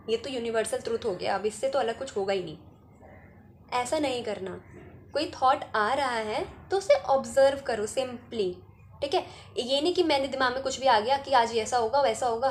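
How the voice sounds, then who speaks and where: A woman's voice: fairly high pitch, slight background noise. A woman giving casual spiritual self-help advice, chatty and often checking in with "ठीक है?". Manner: chatty, keeps adding "ठीक है?". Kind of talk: casual advice talk to camera.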